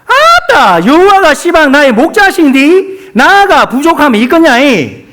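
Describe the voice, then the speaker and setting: A man voicing an excitable countryman with a Jeolla dialect, reciting a psalm in a high, squealing voice. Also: a little slow, full character voice. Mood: exuberant. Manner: high, squealing put-on voice with folksy exclamations.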